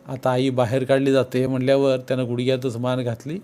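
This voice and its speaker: A man reads a novel aloud for an audiobook. He tells the story in a steady, earnest way. His voice sits at a middle pitch. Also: a little fast. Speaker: audiobook narrator.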